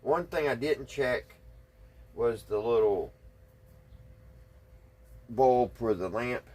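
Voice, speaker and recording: A slightly husky, medium-pitched man with a darkish tone narrates his hands-on radio restoration for his videos. He's animated yet unhurried, folksy and casual, thinking out loud as he goes.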